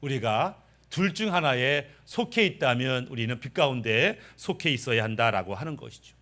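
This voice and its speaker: A man's voice: mid-range voice, animated, normal speed, sharp tone. A male pastor preaching a sermon, telling stories and building to emphatic points. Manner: storytelling, rising to emphatic.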